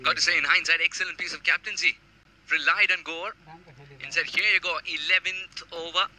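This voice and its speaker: Male cricket pundit, bright and crisp, breaks down tactics in live co-commentary. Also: on the high side, fairly even intonation, brisk, rough recording. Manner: analytical, explains tactics.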